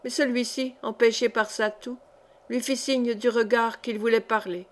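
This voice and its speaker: Woman audiobook reader, measured, clear, somewhat high. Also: level tone. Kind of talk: literary narration.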